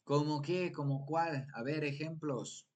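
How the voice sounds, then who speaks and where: Slow, patient male teacher. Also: a little high. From Mexico. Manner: slow, patient explaining, prompts viewers with repeated questions. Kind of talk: live-streamed exam prep lesson.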